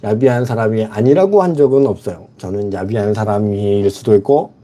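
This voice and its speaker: A middle-aged man living in the Philippines speaks fairly quickly in a fairly low, dark voice while hosting a casual livestream. He reads viewer comments out loud and replies to them with blunt frankness.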